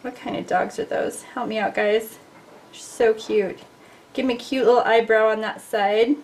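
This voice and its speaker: A woman's voice: a little high, fairly even intonation, normal speed, a little mellow. A middle-aged woman teaching a casual drawing lesson, chatty and playful, talking to her viewers as she sketches at a desk. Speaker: art teacher.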